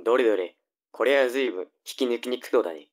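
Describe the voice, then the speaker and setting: A man's voice: medium pitch, quick pace, natural voice. A man playing a nagging, flippant young older brother in a tongue-twister audio drama. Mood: accusing.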